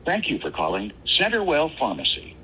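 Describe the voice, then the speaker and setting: A man's voice: a little high, wildly swooping pitch, moderate pace, muffled recording, slight background noise. Man's voice on a recorded phone menu message. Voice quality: evenly paced, announcing manner. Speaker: automated pharmacy phone system.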